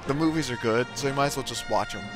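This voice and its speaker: A man's voice: mid-range voice, fast, music in the background. A man hosting a let's play, giving casual gameplay commentary in a rambling, hesitant way with many restarts.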